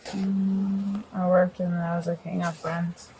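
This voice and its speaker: An intoxicated woman answering police quietly and haltingly. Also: lowish voice, flat delivery. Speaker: suspect. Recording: noisy body camera audio from a distance.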